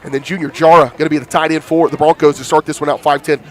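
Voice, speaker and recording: A man doing live high school football commentary with a thick smoker's rasp, congested from hay fever. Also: level tone, fast talker. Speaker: play-by-play announcer. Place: outdoor football stadium broadcast.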